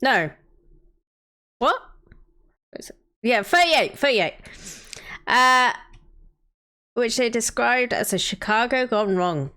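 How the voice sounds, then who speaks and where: A woman in her thirties streams a city-building game, chatting casually, thinking aloud, and greeting viewers by name. Her voice is a little high, bright, and forceful, with lively intonation, a slow pace, and long pauses.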